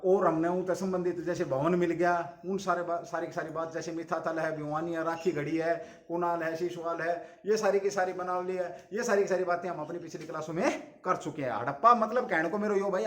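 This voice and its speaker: A man's voice: on the high side, fairly quick, hardly any pauses, fairly bright tone. A man with a Haryanvi accent teaching a coaching class, repeating key terms and asking and answering his own questions. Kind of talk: classroom lecture. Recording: echoey classroom.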